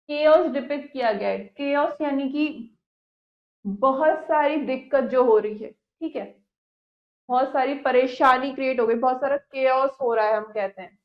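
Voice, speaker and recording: A woman teacher explaining an English poem line by line. She reads the English lines slowly and explains them more quickly. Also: sits high. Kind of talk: classroom lesson explaining a poem. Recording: echoey room, dull lo-fi sound.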